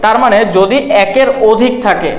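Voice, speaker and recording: A man teaching a grammar lesson at a board, explaining step by step and slowly repeating words to count their syllables. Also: high voice. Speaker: English teacher. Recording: echoey room.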